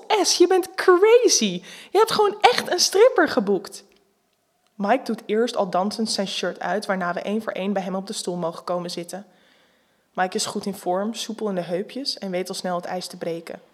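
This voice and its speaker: A woman narrating a scripted erotic story in a calm, even-paced reading. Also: medium pitch.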